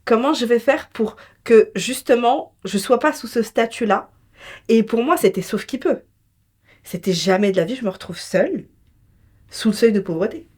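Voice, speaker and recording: Her voice sits on the high side, expressive and a little mellow with a breathy edge, at normal speed. She's a French entrepreneur and business mentor being interviewed, telling personal stories in an emphatic, colloquial, conversational manner.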